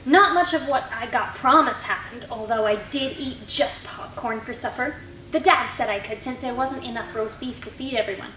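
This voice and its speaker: Woman as chatty young schoolgirl, high voice, innocent storytelling, stage reading, distant from the mic in an echoing room. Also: normal speed, sharp tone. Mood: chatty, guileless. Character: chatty, guileless young schoolgirl reading her report to class. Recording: distant mic, roomy, faint noise.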